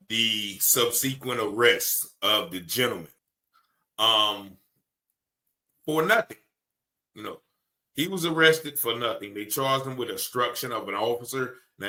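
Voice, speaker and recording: Male commentator, bright voice, conversational and indignant. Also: mid-range voice. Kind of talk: commentary over a video.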